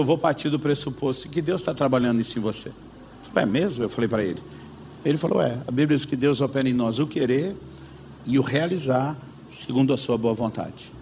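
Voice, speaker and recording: Brazilian pastor with a gravelly voice. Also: male voice, mid-range voice, a little fast, slight background noise. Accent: Brazilian Portuguese. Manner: lively storyteller acting out both sides of a dialogue. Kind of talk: sermon storytelling.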